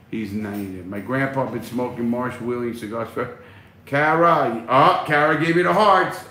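Speaking a little slowly in a sharp, mid-range voice, a middle-aged man reads his livestream chat out loud and answers bluntly, cursing freely. He's indoors in a small room at home, using a phone at arm's length, so the recording carries room echo and faint background noise.

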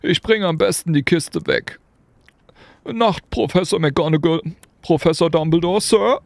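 A man voicing a huge, soft-hearted male giant who speaks in a rough, folksy way. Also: fairly high pitch, lively intonation, a little slow, dry recording, voice pushed up. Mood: gloomy.

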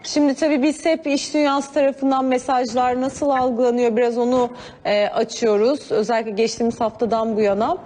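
A woman's voice: a little high, steady tone, brisk, darkish tone, big-room sound, a little hiss or hum. A woman hosting a live broadcast interview, asking polite, conversational, rambling questions. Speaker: news interviewer, host.

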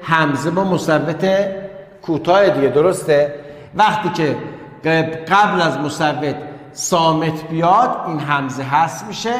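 A male teacher gives an online lesson in a slightly high voice. He repeats key words and keeps turning to address his pupils directly. The recording is roomy, with a long reverb trailing each phrase. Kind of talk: online class lecture. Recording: echoey room with long reverb.

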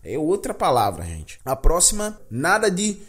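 A man's voice: on the high side, huge pitch swings, fairly bright tone, breathy edge. Brazilian man drilling English pronunciation. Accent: Brazilian Portuguese. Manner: drills words slowly, repeating each one and checking in with "beleza?". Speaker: English pronunciation teacher and podcast host. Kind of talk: podcast pronunciation lesson.

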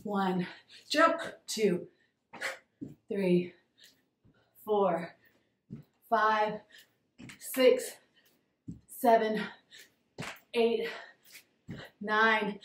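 A young woman fitness instructor leads a workout from her garage, cheering people on as she counts down each set. She is audibly out of breath, and her voice carries from a distance in an echoey space with a faint hiss behind it. She paces her cues slowly. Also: medium pitch. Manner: upbeat, encouraging, counts reps aloud. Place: home garage.

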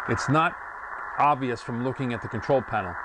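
A ham radio hobbyist in his sixties, with a mid-range voice and a slightly fast pace, casually reviews a portable radio, thinking aloud and correcting himself as he goes. He is recorded on a lapel mic at home and on a screened porch, with radio static and noise behind him.

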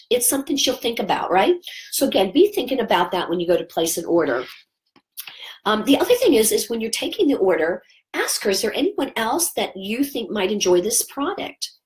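A woman giving a sales training talk to direct sales consultants, chatty and energetic, often acting out what to say to customers. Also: medium pitch, rough recording. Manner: energetic, acts out customer dialogues; chatty with many fillers.

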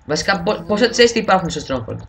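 A young man with a cold, chatting excitably while gaming, swearing and joking often. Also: high voice, gravelly, recorded from a distance, slight background noise. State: has a cold. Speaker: gamer host. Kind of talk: casual gaming chat. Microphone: headset mic.

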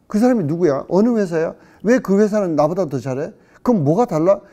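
This middle-aged pastor has a high voice with lively intonation and talks fairly quickly. During a casual Bible-study sermon, he acts out questions, breaks into sudden loud outbursts, and mixes in English words.

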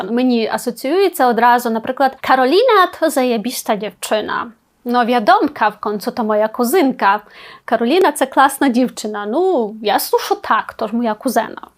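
A young woman teaching Polish slang in a chatty, casual way, explaining words with quick examples and asides. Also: fairly high pitch.

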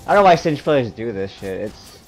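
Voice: medium pitch, big pitch swings, fairly quick, music in the background. A gamer chatting casually during an online match, recorded on a noisy mic with clicks. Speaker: gamer playing with a friend.

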